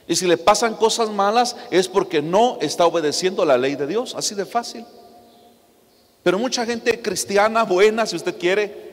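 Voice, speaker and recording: A man preaching a sermon, firing rhetorical questions at his congregation. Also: high-pitched. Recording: long reverb of a church hall.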